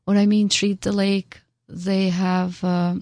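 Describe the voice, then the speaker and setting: A woman from Albania with an Albanian accent, giving unscripted interview answers in a halting way, searching for words. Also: medium pitch, little pitch movement, warm tone, no echo, clean studio sound. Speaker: interview guest, local artist.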